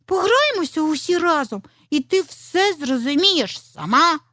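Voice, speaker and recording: A woman voicing a small, proud boy rooster who shouts his answers loudly in a storybook tale. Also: extremely high pitch, lively intonation, measured pace, no room sound, clean studio sound, voice pushed up, heavily acted. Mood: friendly. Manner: loud exclaiming.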